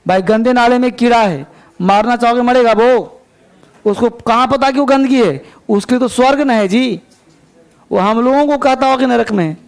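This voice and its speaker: High-pitched, gravelly male teacher. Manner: slow, deliberate reading of English lines, quicker asides. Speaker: English teacher. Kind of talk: reading a story aloud and explaining it line by line. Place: coaching class.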